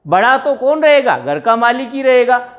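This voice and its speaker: Explaining grammar step by step, a man poses questions to his students before supplying the answers himself. His voice is extremely high and a bit bright, with big pitch swings, and he stretches words to emphasize examples.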